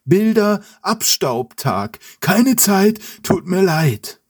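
A man voicing a fussy old male boar servant who speaks slowly in clipped bits for a storybook reading. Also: high-pitched, big pitch swings, a little mellow, breathy edge, voice pushed up, heavily acted. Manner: slow, clipped.

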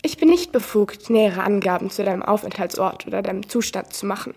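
A girl voicing a female computer program with flat, unnaturally even stress, read aloud from a book. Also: medium pitch, fairly quick, big-room sound, lightly acted. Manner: stiff, evenly stressed speech. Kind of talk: amateur book reading.

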